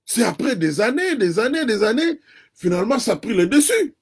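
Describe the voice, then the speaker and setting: With big pitch swings, a slightly rough quality, and a little fast, this Congolese-accented man has a voice notably high for a man. Originally from the Democratic Republic of the Congo and a native Kikongo speaker, he's an interview guest offering earnest conversational commentary, arguing step by step and repeating phrases to drive points home.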